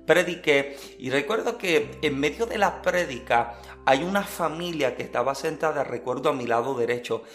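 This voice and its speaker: A man preaching, telling a personal testimony in an earnest, lively storytelling manner. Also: a little high, normal speed, faint music behind.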